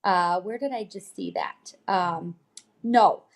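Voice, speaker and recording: An American woman with a mid-range voice speaks slowly as she hosts a casual livestream. A real estate agent, she reads a newsletter aloud and chats informally, often adding check-in tags like "okay?".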